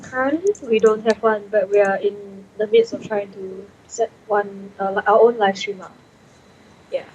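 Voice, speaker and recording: A soft-spoken woman guest on a gaming podcast, chatting casually. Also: mid-range voice, steady tone, normal speed. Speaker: podcast guest, esports player. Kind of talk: casual chat. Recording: slightly dull audio with faint noise.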